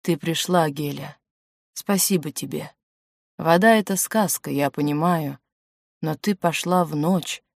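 A woman's voice: low voice, measured pace, vocal fry, no room sound, studio quality, heavily acted. A woman reading the part of a wounded, feverish young man in an audiobook. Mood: feverish, tender.

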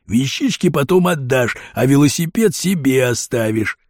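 A man voicing a sly, heavyset male petty crook who talks in a slow, drawn-out, conspiratorial way, with a husky voice. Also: medium pitch, expressive, no room sound, clean studio sound, lightly acted.

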